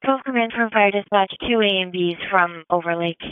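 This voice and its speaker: Clear female fire dispatcher on radio. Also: medium pitch, no room sound. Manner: brisk, procedural. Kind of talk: radio dispatch, clipped readbacks. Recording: narrow-band two-way radio transmission.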